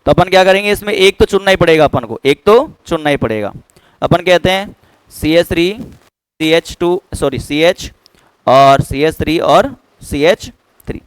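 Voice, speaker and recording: A man's voice: fairly high pitch, lively intonation, normal speed, clean tone, no room sound, poor audio. A man teaching a chemistry class, who keeps checking whether students have understood. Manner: keeps quizzing students with "clear?". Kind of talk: classroom lecture.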